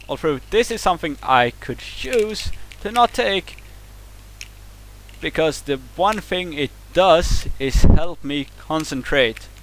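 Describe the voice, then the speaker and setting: This low-quality recording, with slight background noise, captures a vlogger with a Swedish accent and Swedish as his first language. He is heated and profane as he rants at the camera over a video, repeatedly stumbling and restarting words, in a fairly high, slightly bright voice.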